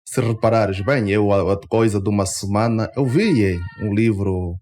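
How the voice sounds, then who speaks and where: A man with an Angolan Portuguese accent, speaking as a guest in a radio studio interview, emphatic and climbing sharply in pitch when he is indignant. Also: moderate pace, darkish tone. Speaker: interview guest, party member.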